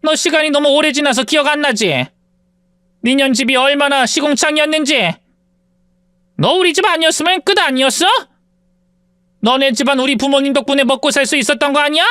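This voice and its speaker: A woman's voice: brisk, long pauses, no room sound, studio quality. A woman doing a sneering spiteful rich lady. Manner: sneering, insulting, shrill when shouting. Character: arrogant spiteful rich woman, middle-aged, bullying. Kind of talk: audio story dialogue.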